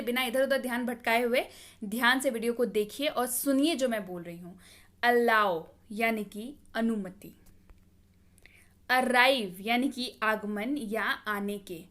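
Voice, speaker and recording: Woman teacher, slightly high voice, slow deliberate drilling of word meanings. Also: a bit bright. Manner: patient, drills each word twice, corrects pronunciation. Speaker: English teacher. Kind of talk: vocabulary lesson, word then meaning, repeated slowly.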